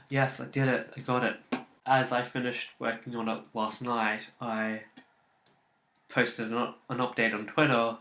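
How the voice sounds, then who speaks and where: A man's voice: medium pitch, fairly bright tone, roomy sound. A man commentating casually on a game he is playing, muttering and swearing at his failed attempts. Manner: muttering, swearing at failures, rambling. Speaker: let's play host.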